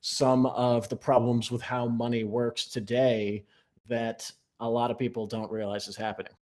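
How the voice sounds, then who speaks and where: A male podcast guest who explains his points at length in a steady, measured way. His speech is dotted with "um" and "you know", and his voice sits at a middle pitch. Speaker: guest, newsletter writer. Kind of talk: explanatory interview talk.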